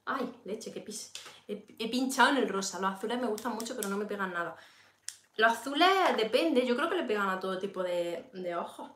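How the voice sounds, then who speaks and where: A woman's voice: mid-range voice, animated, fairly quick, fairly bright tone, a little hiss or hum. A woman with a Peninsular Spanish accent, hosting a casual makeup tutorial livestream. She talks straight to her viewers and answers their comments as she works. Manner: chatty, addresses viewers directly, reads and answers comments. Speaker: beauty livestream host. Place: home room during a livestream. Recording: echoey room.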